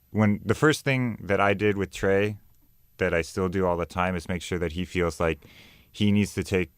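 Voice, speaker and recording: A man's voice: low voice, clear, resonant tone, no echo, studio quality. A man talking casually as an artist guest in an interview.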